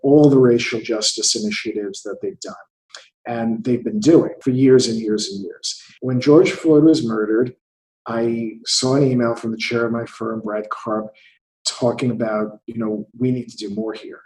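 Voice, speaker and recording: Fifties guy chatting as an interview guest, thinks out loud, roomy echoey sound. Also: mid-range voice, fairly even intonation, moderate pace. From United States. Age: 50s. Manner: reflective, repeats words while thinking. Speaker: guest, theatre investor. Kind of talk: conversational interview.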